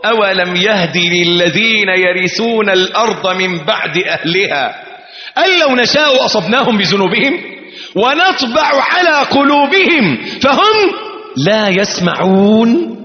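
A man with an Egyptian Arabic accent preaches an impassioned sermon, chanting verses in a high-pitched, sing-song voice at a slightly slow pace. The recording is from an echoey hall and has a dull, lo-fi quality.

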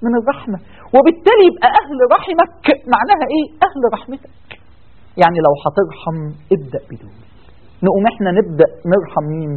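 A man's voice: high-pitched, breathy edge. A man with an Egyptian accent giving a religious talk, firing rhetorical questions and acting out people's excuses. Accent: Egyptian Arabic. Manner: animated, rhetorical questions, acts out excuses of listeners. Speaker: preacher. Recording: tinny phone-like sound.

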